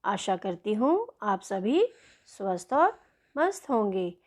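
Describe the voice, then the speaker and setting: A woman teacher, slowly and patiently explaining a worksheet lesson to young children. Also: medium pitch, big pitch swings, darkish tone. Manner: slow, patient, addresses children often.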